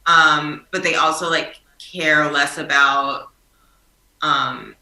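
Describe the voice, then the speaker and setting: An American actress chatting casually and upbeat as a podcast guest, with many "like"s. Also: female voice, sits low, fairly even intonation, slow pace, gravelly, bright, forceful tone. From United States. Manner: chatty, upbeat, heavy use of "like". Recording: roomy echo.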